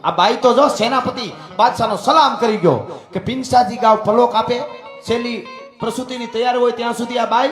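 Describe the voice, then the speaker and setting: A man with a Kathiawadi Gujarati accent telling a folk tale on stage in a dramatic, rousing way, often turning to his listeners. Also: high-pitched. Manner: dramatic, rousing delivery with asides to friends. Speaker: folk storyteller. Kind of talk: dayro folk storytelling on stage. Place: stage at a live gathering. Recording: echoey hall with faint music.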